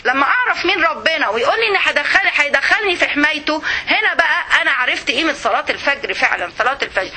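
A woman with an Egyptian Arabic accent giving an earnest religious talk, slowing down to recite verses. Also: high voice, bright, forceful tone, slight background noise. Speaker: religious speaker.

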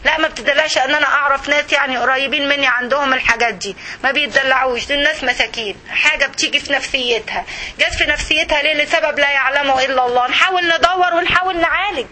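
A woman with an Egyptian accent giving an animated religious talk, acting out everyday scenes as she goes. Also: sits high, fast, rough recording. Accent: Egyptian Arabic. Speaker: religious speaker.

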